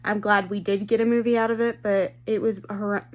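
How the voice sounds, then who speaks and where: A woman's voice: medium pitch, level tone, normal speed. A woman book vlogger chatting casually and enthusiastically, often breaking off and restarting her sentences. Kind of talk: casual vlog chat.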